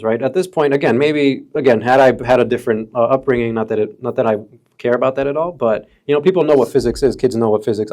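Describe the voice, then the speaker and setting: A man in his early thirties from the Chicago area, telling stories as a podcast guest in a relaxed, casual way, peppered with bro and dude. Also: medium pitch. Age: 30s. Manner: laid-back, calls friends bro and dude. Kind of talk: casual storytelling chat.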